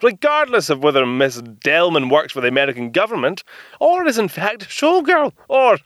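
A British-accented male actor plays a proud, genteel 1930s inventor in a period audio drama, using clipped, old-fashioned courtesy in an indignant mood. His voice sits on the high side with huge pitch swings, a fairly bright tone, and normal speed. The studio-quality recording has no echo.

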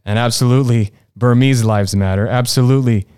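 A man's voice: mid-range voice, fairly quick, a little mellow, clean tone, no room sound, studio quality. A man hosting a faith-based panel discussion, talking in a searching way and repeating words as he goes. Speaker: panel host.

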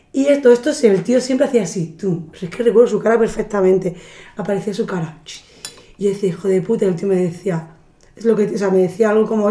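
Fields: Sex: woman. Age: 30s. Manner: lively, profane storyteller. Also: medium pitch. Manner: animated, acts out quoted voices, swears freely. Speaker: podcast guest. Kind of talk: casual storytelling chat. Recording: roomy echo.

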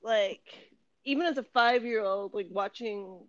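A middle-aged woman from Detroit tells her stories as an interview guest, animated and quick to laugh, slipping into little voices for the people in them. The sound is dull and lo-fi, and the room is bone-dry. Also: mid-range voice, no room sound. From Detroit, United States. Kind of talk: casual storytelling interview.

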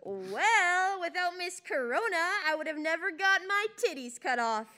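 A woman's voice: very high voice, animated, fairly quick, pushed and bright, exaggerated voice. A woman playing a wry, affectionate young roommate in a naturalistic play reading. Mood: cheeky, exuberant.

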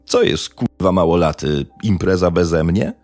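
A man's voice: low-pitched, lively intonation, measured pace, a little mellow, dry recording, faint music behind. A man voicing a drunk, menacing young local thug who taunts crudely. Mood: swaggering.

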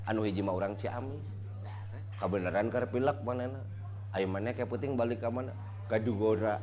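A man with a Sundanese accent in comic banter, cutting in with quick interjections and teasing questions. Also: mid-range voice, darkish tone. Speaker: comedy sidekick.

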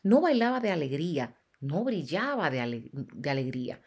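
Woman, lower voice, very animated pitch; emphatic sermon translator voice-over. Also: moderate pace, husky. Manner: emphatic, preacherly delivery.

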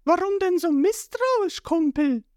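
A woman's voice: very high voice, animated, measured pace, darkish tone, no echo, clean studio sound, pitched above the performer's own voice. A woman voicing a sly, mocking male fish-man henchman with a taunting way of speaking.

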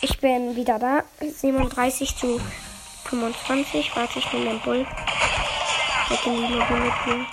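A woman playing a video game with a friend, chatting casually and bursting into excited shouts. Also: a little high, normal speed, gravelly, poor audio. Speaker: gamer. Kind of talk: excited gaming commentary. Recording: game music behind.

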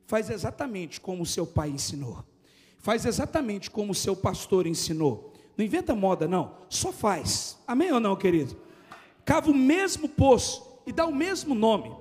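A male pastor from Goiânia with a Brazilian accent, preaching an animated, jokey sermon in a church and often shouting. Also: high voice, moderate pace, slightly rough, long reverb tail. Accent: Brazilian Portuguese, from Goiânia. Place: church hall.

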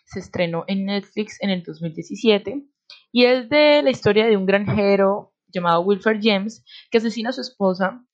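A woman co-hosting a film show in an informal presenting style. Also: medium pitch. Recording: dull, lo-fi audio.

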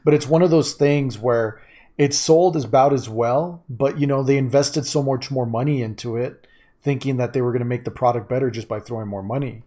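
A man with a mellow, warm tone and mid-range pitch argues his views on games as a podcast co-host. He speaks emphatically, pressing his opinions with conviction. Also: brisk. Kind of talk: casual chat about video games.

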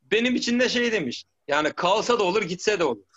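A man's voice: high-pitched, expressive, quick pace, a bit bright, lo-fi sound. A middle-aged man, a former footballer, telling stories in a rambling way, with many restarts and "tamam mı?" checks. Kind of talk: casual storytelling interview.

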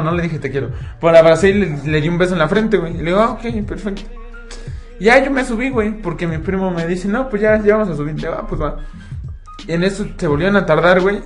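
A young adult man with a Mexican accent telling a long, profane, slang-filled story in casual chat. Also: high-pitched. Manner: slangy, profane, says "güey" constantly.

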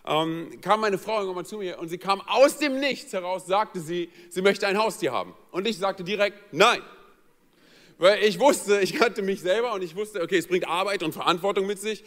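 Man, pastor, humorous sermon story, playful, fairly high voice, long hall reverb. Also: moderate pace. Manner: lively, joking, acts out quoted voices. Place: church hall.

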